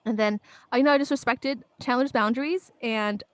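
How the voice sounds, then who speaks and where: Dry, high-pitched young woman telling a story. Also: moderate pace, no room sound. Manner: animated, acts out friends' quotes, laughs often. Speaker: podcast co-host. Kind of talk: casual storytelling chat.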